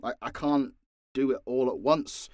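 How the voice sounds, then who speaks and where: In an unscripted Q&A for his listeners, an audio drama creator responds off the cuff with blunt, sweary, theatrically exasperated answers. He speaks unhurriedly at a medium pitch, a little mellow, over clean studio sound with no echo.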